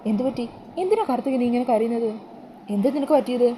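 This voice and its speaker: A woman's voice: on the high side, animated, fast talker, dark tone, a little hiss or hum, lightly acted, poor audio. A woman voicing a scheming, blunt female friend who lectures and pushes. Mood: curious.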